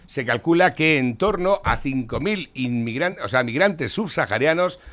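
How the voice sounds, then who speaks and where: Mocking, crude Spanish host. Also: male voice, mid-range voice, animated, normal speed, fairly bright tone. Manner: mocking, crude, reads out headlines. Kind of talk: provocative political commentary.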